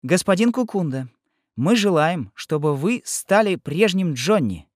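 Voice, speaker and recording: A serious young boy in a storybook who talks in a firm, formal way, a little higher than a grown man, as a male narrator puts him on. His voice moves lively, and it sounds dry and close. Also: a little slow, no room sound. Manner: firm, official.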